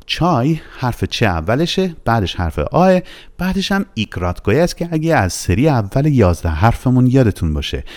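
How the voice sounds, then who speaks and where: A man giving a casual spoken language lesson, playful and animated, repeating each sound slowly for practice. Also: medium pitch. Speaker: Russian language teacher.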